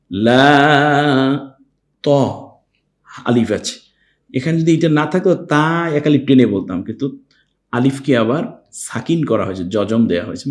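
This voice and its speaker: A man teaching Quran recitation, patiently spelling out letters and vowel marks one by one, then breaking into long drawn-out melodic chanting of the verse. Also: mid-range voice. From Bangladesh. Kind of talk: step-by-step recitation lesson.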